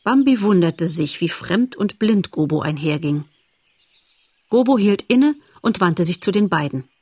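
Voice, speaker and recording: A woman narrating a children's animal story in a calm, measured audiobook style. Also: lowish voice, breathy edge, no echo, clean studio sound.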